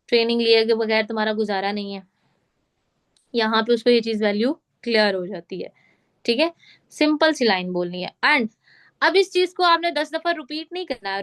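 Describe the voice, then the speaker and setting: A woman running an online sales training, explaining step by step and often checking that everyone follows. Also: on the high side. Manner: instructive, repeats check questions. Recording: call audio.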